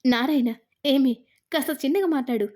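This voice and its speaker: A woman's voice: sits high, brisk, a little mellow, lightly acted. A woman doing a chiding older man. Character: scolding older man of the family.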